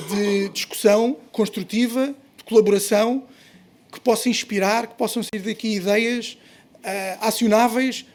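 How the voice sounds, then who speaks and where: A man's voice: high voice, a little mellow. A man with a European Portuguese accent gives a hesitant, semi-spontaneous welcome speech as event host, often repeating words. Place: office event space.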